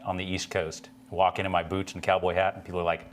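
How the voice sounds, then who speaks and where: A man's voice: deep voice, level tone, fast talker. A man from the Houston area co-hosting a casual live stream with dry, joking delivery. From Houston, Texas area. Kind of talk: casual livestream chat. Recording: background noise with hum.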